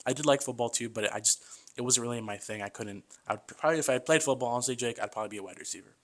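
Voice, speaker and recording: Talking very fast at a medium pitch, this twenty-something podcast guest keeps the conversation relaxed and rambling. He often addresses the host as "man" and performs the quoted voices as he tells his lively stories.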